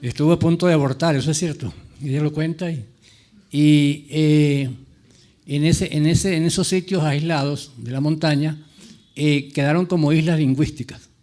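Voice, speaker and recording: Male novelist, relaxed warm timbre, slightly high pitch, halting, wandering personal reminiscence. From rural mountain highlands of Latin America. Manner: halting, repeats words, digressive. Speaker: novelist on a panel.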